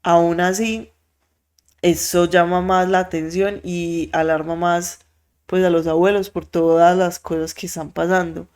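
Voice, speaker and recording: A podcast host, telling a story in an animated way, with many fillers and quoted voices acted out. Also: mid-range voice, measured pace, clear, resonant tone. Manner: frequent filler words.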